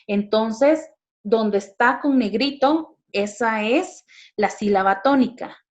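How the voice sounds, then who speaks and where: Patient woman teacher, Guatemalan accent. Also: medium pitch. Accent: Guatemalan Spanish. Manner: patient, explanatory, with frequent fillers. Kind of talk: classroom lecture.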